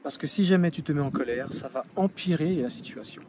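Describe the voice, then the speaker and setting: A man's voice: on the high side, fairly quick, noisy background. A man coaching the viewer directly, earnest and repeating key phrases for emphasis. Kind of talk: advice monologue to the viewer.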